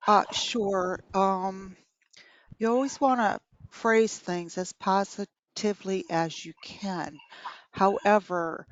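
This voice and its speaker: Female trainee, unhurried and careful, dry muffled recording. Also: medium pitch, steady tone, no echo. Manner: slow and measured, gently advising. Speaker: training participant. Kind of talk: class discussion. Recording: dull dry lo-fi audio.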